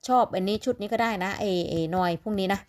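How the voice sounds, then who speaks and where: A northeastern Thai woman with an Isan accent keeps a steady tone, medium pitch, and quick pace. She sounds sleepy while chatting and rambling casually about lottery numbers to viewers she calls "little siblings."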